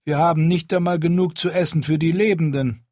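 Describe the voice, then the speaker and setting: A man voicing a blunt, grim sellsword captain in an audiobook, high and curt. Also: steady tone, fairly quick, darkish tone, no echo, clean studio sound, lightly acted.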